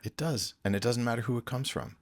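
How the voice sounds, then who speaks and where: A man's voice: mid-range voice, fast talker, no room sound. A man from Canada, a music producer guest on a podcast, talking earnestly and reflectively and often repeating words as he thinks. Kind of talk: casual podcast conversation.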